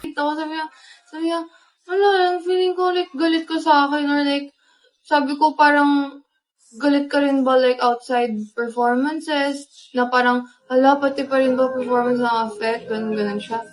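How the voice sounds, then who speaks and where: A young woman with a Filipino accent, casually telling a story, animated and laughing as she acts out what was said. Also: sits high, moderate pace, low-quality recording. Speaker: pop group member.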